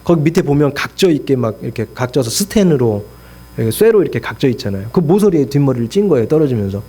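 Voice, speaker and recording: A man's voice: mid-range voice, big pitch swings, fast, dark tone, husky. A middle-aged male pastor preaching a sermon, telling stories with animation and acting out complaints and prayers in his own voice, often putting rhetorical questions to the congregation.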